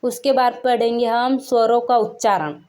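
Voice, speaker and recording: Chatty woman teaching with a mellow voice. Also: on the high side, steady tone, normal speed. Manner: repeats "theek hai na" after each point, asks the viewer questions; stretches out sounds to show how long they are. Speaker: Hindi grammar teacher. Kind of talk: casual classroom-style lesson.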